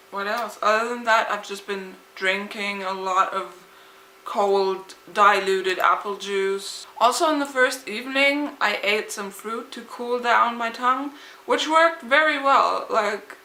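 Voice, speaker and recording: A young woman talks in a casual, rambling vlog style. Her voice is bright and clear-edged, with slightly impeded, lisped consonants from a swollen tongue. The room around her adds a noticeable echo. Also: medium pitch. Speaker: vlogger. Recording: echoey, roomy sound.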